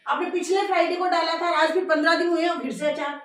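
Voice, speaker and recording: A woman's voice: very high voice, fairly even intonation, fast. A woman playing a proud, complaining younger daughter-in-law with a job in a home family skit. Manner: sharp, complaining. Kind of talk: amateur home drama acting. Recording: very echoey room, distant mic, faint music.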